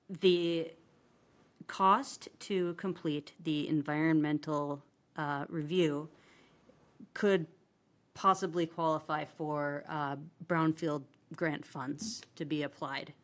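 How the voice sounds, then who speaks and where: A woman briefs a city council as its assistant administrator, her voice pitched low. She moves haltingly through the items, filling gaps with "um" and correcting herself mid-word. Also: steady tone. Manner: halting, many filler ums and restarts. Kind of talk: presenting agenda items at a city council meeting.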